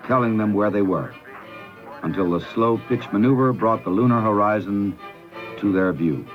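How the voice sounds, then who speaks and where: Low-voiced male documentary narrator. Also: dull audio. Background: music.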